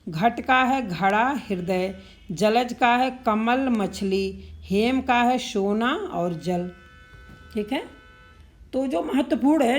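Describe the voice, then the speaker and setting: A woman teaching Hindi synonyms and spelling for exams, running through word pairs and checking in with "ठीक है" as she goes. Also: medium pitch. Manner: repetitive, drilling word pairs with frequent "ठीक है". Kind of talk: explanatory exam-prep lesson.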